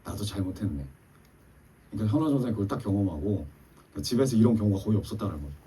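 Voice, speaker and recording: A man's voice: lowish voice, lively intonation, racing, warm tone, husky, far from the mic. A man preaching a sermon as pastor, telling a story and acting out the dialogue in it. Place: church sanctuary.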